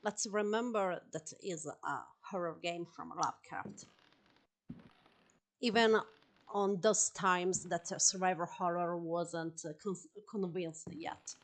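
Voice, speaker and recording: A native Italian speaker with an Italian accent comments casually on a game stream, hesitant and full of fillers and giggles. Her voice is on the low side, she takes it slowly, and the audio is poor.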